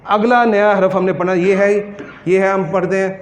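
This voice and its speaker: A man teaching a Quran pronunciation class, who questions his students and repeats words slowly to correct them. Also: high voice, steady tone. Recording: echoey room.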